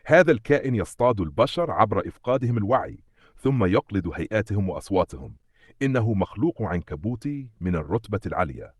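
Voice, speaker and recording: A man's voice: lowish voice, very animated, fast talker, husky, no room sound, studio quality. A man voicing a stern undead father who fights to protect his daughter, speaking in a firm, commanding way.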